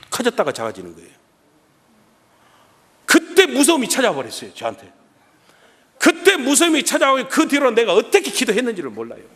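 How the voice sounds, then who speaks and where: A middle-aged man preaching at a revival meeting, telling a story and acting out his own prayers for the congregation. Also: high voice. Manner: animated, acts out his own prayers and shouts; addresses the congregation often. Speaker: guest pastor at a revival meeting. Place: church sanctuary. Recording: long church reverb.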